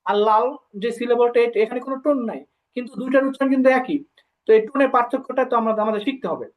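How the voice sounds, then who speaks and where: A woman's voice: on the high side, rapid-fire, darkish tone, rough recording. A woman teaching a language class online, explaining step by step and repeating syllables for her students to copy.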